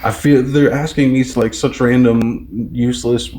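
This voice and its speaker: A man in his thirties co-hosting a casual podcast, rambling with lots of fillers and loudly mimicking conversations. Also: medium pitch, fairly even intonation, unhurried. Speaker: podcast co-host. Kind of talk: casual chat.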